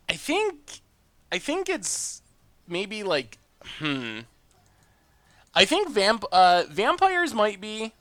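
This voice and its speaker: His voice sits high with a fairly bright tone, captured in a dry recording. He's a card-game streamer giving upbeat gameplay commentary and chatting with his audience, reading and responding to their messages.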